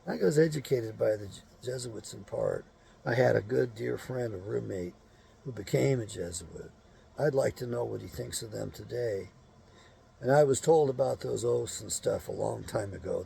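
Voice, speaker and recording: A man's voice: medium pitch, animated, moderate pace, vocal fry, dark tone, slight background noise. A man hosting his own show, talking in a blunt, rambling monologue full of cursing and rhetorical questions. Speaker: show host.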